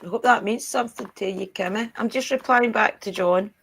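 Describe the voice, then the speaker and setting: A woman's voice: mid-range voice, fairly quick, gravelly, fairly bright tone, husky. A Scottish woman with a Glaswegian accent, hosting a live-stream spiritual card reading in a chatty way. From Scotland. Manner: chatty, laughs often, reads messages aloud. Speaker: spiritual reader host.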